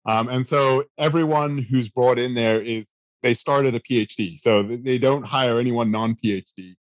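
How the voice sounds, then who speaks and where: He's a guest in his thirties from South Africa, easygoing and self-deprecating as he talks about his history in casual interview answers, dotted with fillers and small restarts. He speaks at a normal speed with an average middle pitch. The recording is close and dry with no echo, but lo-fi.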